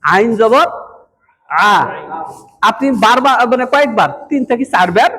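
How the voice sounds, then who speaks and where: A man's voice: extremely high pitch, lively intonation, a little slow, bright, forceful tone. A man, training madrasa teachers in a lecture and repeatedly quizzing his audience. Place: madrasa hall. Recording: echoey hall with long reverb.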